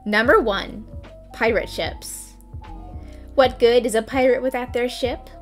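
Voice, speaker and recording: A woman's voice: fairly high pitch, unhurried, soft background music. A woman hosting a gaming video, giving scripted tutorial narration with dry, playful asides. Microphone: voice-over.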